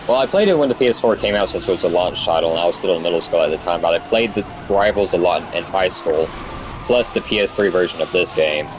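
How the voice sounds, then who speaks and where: A young man with a low-pitched voice talks casually as he plays a game. He sounds like a stoner, rambling and losing his thread, and he drops swear words freely. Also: noisy background. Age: young adult. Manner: stoned, rambling and easily sidetracked. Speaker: gamer recording commentary. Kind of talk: casual gameplay commentary.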